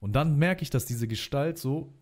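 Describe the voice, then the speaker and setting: A man's voice: fairly high pitch, expressive, moderate pace, a little mellow. A man talking as a guest in a casual livestream chat, telling long personal stories in slangy, chatty speech and calling the host brother.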